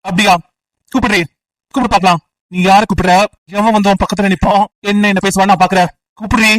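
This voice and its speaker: A man's voice: high-pitched, fairly even intonation, fast, a bit bright, dry recording, recorded from a distance, poor audio. A man voicing a possessive young policeman in a cartoon story, pressing and confrontational. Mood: taunting. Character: intense young policeman Vijay, possessive and hot-tempered.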